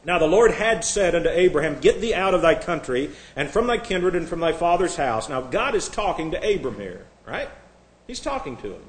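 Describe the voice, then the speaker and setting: In an echoey sanctuary, an Indiana pastor preaches with a voice a little high for a man, sing-song and at a moderate pace. He chats with the congregation like old friends, drifting into asides and self-deprecating jokes, then shifts to a raised, formal voice to read scripture.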